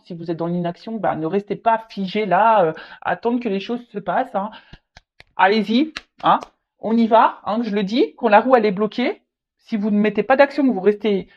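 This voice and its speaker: Woman tarot reader talking straight to the viewer, hesitant and repetitive, mid-pitched, muffled home recording. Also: a little mellow. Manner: halting, repeats words, many fillers; speaks directly to the viewer. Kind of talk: casual tarot reading to camera. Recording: slightly dull lo-fi audio.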